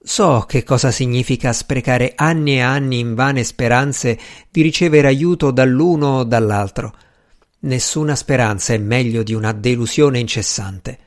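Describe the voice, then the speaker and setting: A man reads as a cold, distrustful woman in an audiobook, clipped and impatient. Her lines come dry and weary, with no warmth in them. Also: medium pitch, normal speed, lightly acted. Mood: bitter.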